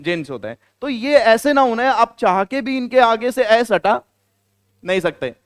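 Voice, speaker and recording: A high-pitched man from India teaches a grammar class, playful and quick with jokes. His voice is smooth and clear, and the sound is dry, with little room echo. He repeats key words back and quizzes the class as he goes. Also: animated. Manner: playful, joking asides to students.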